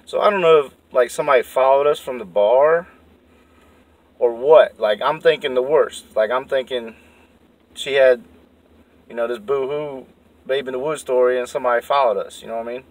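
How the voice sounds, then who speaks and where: A man's voice: medium pitch, moderate pace, far from the mic, poor audio. A man telling a story in a rambling, profane, heated way. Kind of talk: casual storytelling.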